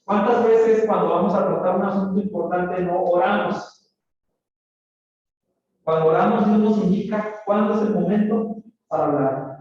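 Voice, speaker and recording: Calling his students brothers and frequently asking "¿verdad?", a man with a high, slightly mellow voice leads an oral communication class at church in a preaching tone. It is recorded by a distant camera in a large, echoey room, so the audio is dull, very echoey, and faintly noisy.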